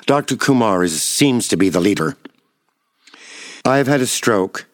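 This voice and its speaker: A man in his seventies giving a dramatic first-person reading of his memoir, blunt and profane, swinging between hushed low tones and raised outbursts. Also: expressive, normal speed, no echo. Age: 70s. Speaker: memoir reader.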